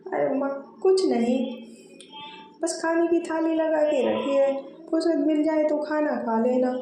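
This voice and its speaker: A high, mellow voice scolds and grumbles as a fed-up middle-aged mother, put on by a woman narrator. She complains steadily. Faint background noise sits under the storybook reading. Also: unhurried, gravelly, echoey room. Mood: scolding.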